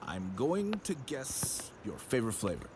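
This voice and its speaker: A man on a dinner date speaking scripted romantic lines, hesitant and gently flirtatious, often repeating his words. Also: lowish voice, big pitch swings, moderate pace, noisy background.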